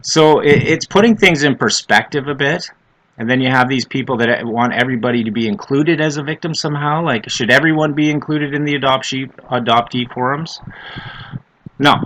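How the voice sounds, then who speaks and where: A middle-aged man with a smoker's rasp giving an opinionated, off-the-cuff monologue, blunt and emphatic, repeating phrases to drive them home. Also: mid-range voice, brisk, fairly bright tone, a little hiss or hum, low-quality recording. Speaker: vlogger on adoptee issues.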